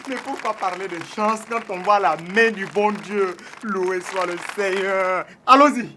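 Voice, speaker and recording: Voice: medium pitch, a little slow, pushed and bright, slight background noise. An actor playing a pious quiz contestant, with a Burkinabè French accent.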